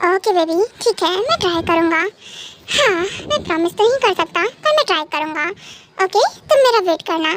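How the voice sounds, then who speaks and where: A woman voicing a gentle young husband who soothes his wife softly and indulgently, in a fan audio drama. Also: extremely high pitch, expressive, normal speed, a little hiss or hum. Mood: soothing.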